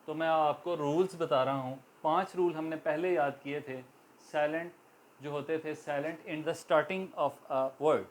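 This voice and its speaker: A man's voice: fairly high pitch, a little hiss or hum. Man teaching, spelling out words. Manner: slow, deliberate, spells words letter by letter; explanatory, repeats examples for learners. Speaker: English teacher. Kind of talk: classroom-style grammar lesson.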